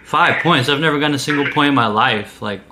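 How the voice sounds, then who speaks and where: A man's voice: mid-range voice, fast talker, heavy background noise. A man in his twenties making a casual prank phone call, posing as an employee in a hesitant, pleading, innocent way. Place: small indoor room.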